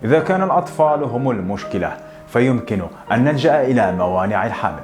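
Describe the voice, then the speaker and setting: A man's voice: mid-range voice, expressive, over music, natural voice. A man reading the lines of a defiant divorced woman who scorns gossip and convention, in a scornful, questioning manner. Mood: indignant. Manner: scornful, cutting, rapid-fire questions. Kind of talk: audiobook narration.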